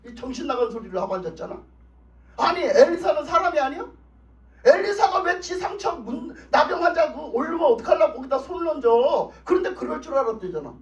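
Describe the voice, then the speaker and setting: Male pastor, emphatic revival sermon, high lively voice, echoey church, distant dull mic. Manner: emphatic, repetitive, colloquial preaching. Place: church sanctuary.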